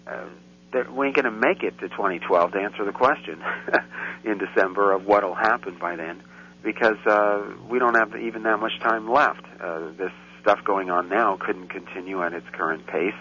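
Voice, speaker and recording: On a Central European radio chat, a male guest with a fairly low, sharp voice talks at a normal speed, wandering off topic and becoming increasingly indignant. The recording sounds dull and faintly hissy.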